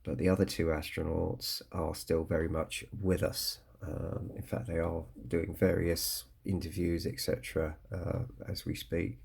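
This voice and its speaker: A British man with a croaky, congested voice, sounding under the weather as he gives a halting, casual unboxing review. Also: deep voice, level tone, darkish tone. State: ill with a cold or hay fever, coughing. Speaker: scale model kit reviewer.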